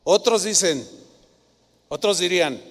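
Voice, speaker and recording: A Mexican man preaching a sermon as pastor, telling stories in an animated way and mimicking doubters' voices. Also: high voice, a little slow, in a large hall. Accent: Mexican Spanish. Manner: animated storytelling, mimics skeptics and acts out quoted voices.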